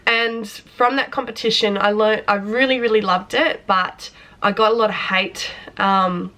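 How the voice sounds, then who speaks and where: A young woman telling her own story on a vlog, hoarse from a flu, speaking in a candid, rambling and emotional way. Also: mid-range voice, steady tone, a little slow, pushed and bright. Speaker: vlogger and personal trainer. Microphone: front camera close up.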